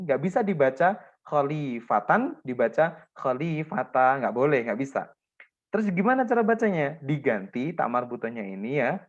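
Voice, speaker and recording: A man teaches a class the rules of Quran recitation, walking through examples and stopping often to check that his students follow. His voice sits at an ordinary middle pitch. The recording is a little dull and lo-fi. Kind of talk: classroom lesson on tajwid rules.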